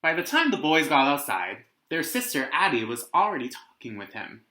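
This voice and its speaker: At home in his living room, a young man hosts a casual read-aloud of a picture book for students as their teacher. His fairly high, sing-song voice sounds pushed and bright, moving at a normal speed. The recording has a roomy indoor echo.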